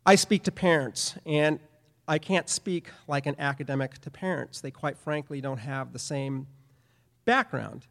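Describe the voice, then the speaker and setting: A middle-aged man giving a conference presentation as a professor, speaking emphatically with repeated phrases. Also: fairly high pitch. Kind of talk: lecture presentation. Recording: long hall reverb.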